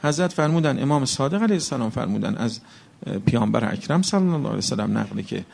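A man's voice: mid-range voice, big pitch swings, gravelly, darkish tone. A man preaching a religious sermon, speaking with passion and firing off rhetorical questions to the congregation.

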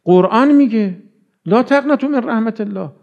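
Gravelly high-voiced male preacher. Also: dull audio. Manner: conversational preaching, acting out dialogues. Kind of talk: sermon.

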